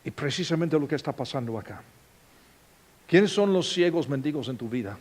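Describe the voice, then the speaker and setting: A man preaching a sermon as a pastor, with expressive delivery and dramatic swings in volume. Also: fairly high pitch, normal speed.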